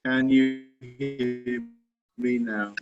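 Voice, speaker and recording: A man's voice: mid-range voice, fairly even intonation, very slow, far from the mic, over music. A man presenting school awards on a video call, his voice breaking up over a bad connection as he keeps asking if he can be heard. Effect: voice breaking up over a bad online call connection. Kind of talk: prize-giving speech over an online call. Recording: dull, lo-fi call audio with long reverb.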